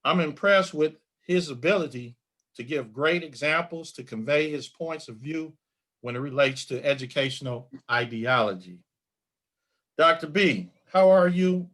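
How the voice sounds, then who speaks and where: A middle-aged man hosting a community podcast interview, speaking in a measured, formal way. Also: a little high, lively intonation, a bit bright. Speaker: podcast host.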